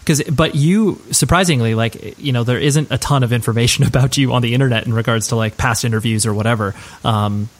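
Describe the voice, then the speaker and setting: A man's voice: mid-range voice, brisk, few pauses. Chatty male podcast host. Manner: chatty, filler-heavy, affirming with "right, right". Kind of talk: casual podcast interview.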